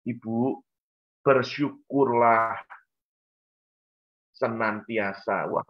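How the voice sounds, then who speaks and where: A man, telling a lively story with acted-out voices on a church talk show. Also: medium pitch, extremely slow. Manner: animated, acts out voices in his story. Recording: dull lo-fi sound.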